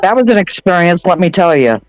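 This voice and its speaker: A woman's voice: fairly low pitch, very animated, brisk, no room sound, low-quality recording. A woman chatting casually as a guest, joking and telling gossipy stories. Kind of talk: casual chat. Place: home in Connecticut.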